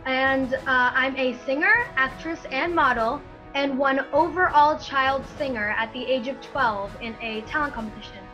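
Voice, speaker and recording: A woman's voice: sits high, normal speed, pushed and bright, faint music behind, poor audio. A woman contestant from Florida introducing herself as a singer and model.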